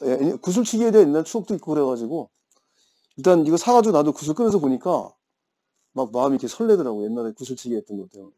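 A man's voice: fairly high pitch, big pitch swings, fast talker, warm tone. A man in his fifties teaching an English grammar class, telling playful stories and teasing his students. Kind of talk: classroom lecture with chatty anecdotes.

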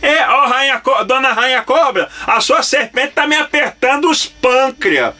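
A man's voice: extremely high pitch, animated, pushed and bright, voice pushed up, heavily acted. Freakazoid: a man doing a zany, drawling cartoon superhero. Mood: goofy. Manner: slow, drawn-out, playful comic voice.

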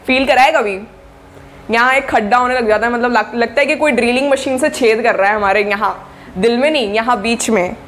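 Young female tutor, fairly high voice, friendly chatty coaching with constant check-ins. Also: slight background noise. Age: young adult. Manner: chatty and encouraging, with frequent check-ins to the listener. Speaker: study-tips YouTuber for board exam students. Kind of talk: casual spoken study coaching to camera.

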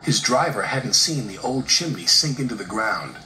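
Man reading a children's story, animated, echoey room, music behind. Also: mid-range voice, normal speed. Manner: expressive, animated voice acting. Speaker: storybook narrator. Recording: roomy echo with music behind.

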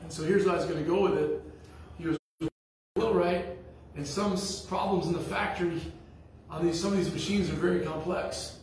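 A man's voice: a little high, fairly even intonation, fairly quick, darkish tone, a little hiss or hum. A man preaching a sermon as pastor, telling stories in a blunt, folksy way. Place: church sanctuary. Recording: echoey church hall from far off.

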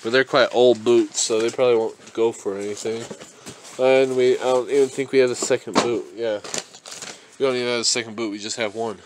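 A man's voice: mid-range voice, fairly even intonation, fairly quick, noisy background. A young man vlogging as he unboxes storage-unit finds, thinking aloud and chuckling often. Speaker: reseller vlogger. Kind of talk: casual unboxing commentary.

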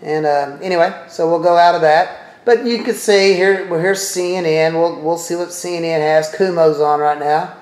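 A man's voice: a little high, fairly even intonation, moderate pace, darkish tone. Chatty man in a roomy echo. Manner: rambling, thinks aloud, chatty asides to viewers. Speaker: presenter demonstrating a TV streaming service. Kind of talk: casual walkthrough talking to viewers.

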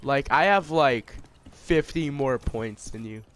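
A man's voice: medium pitch, slow pace, a little hiss or hum. A man trolling an opponent over game chat, taunting and mocking him with jokey insults. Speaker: online gamer trolling an opponent. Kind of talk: trash-talking game commentary.

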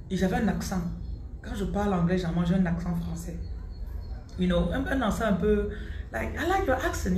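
A woman telling her own life story in a motivational vlog, animated and repeating words for emphasis, dropping English phrases into her talk. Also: medium pitch. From Central Africa. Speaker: motivational vlogger. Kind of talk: personal storytelling monologue. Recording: roomy with faint background noise.

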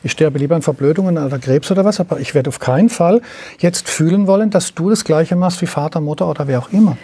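Husky, mellow-voiced man. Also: on the high side, fast. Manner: acts out dialogues in quoted voices. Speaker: coach and interview guest. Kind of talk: relaxed conversational interview.

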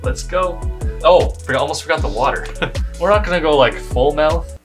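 A man's voice: fairly high pitch, normal speed, soft background music. A young man hosting a challenge video in casual, joking, rambling vlog chat at his desk. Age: young adult. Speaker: host of a reaction challenge video. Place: small indoor desk setup. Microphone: desk mic near the speaker.

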